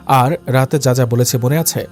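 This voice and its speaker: A man's voice: medium pitch, steady tone, normal speed, darkish tone, soft background music, natural voice. A man voicing a stern, cruel young husband who gives harsh, commanding orders through gritted teeth.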